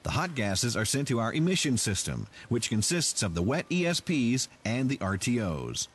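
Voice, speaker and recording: A man reading a scripted industrial plant tour as narrator, in a measured, explanatory way. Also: medium pitch, very animated, breathy edge.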